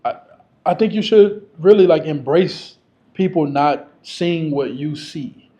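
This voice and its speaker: Here a man with a slightly high, mellow voice is the featured guest, telling candid stories to a live audience in a casual way and laughing frequently.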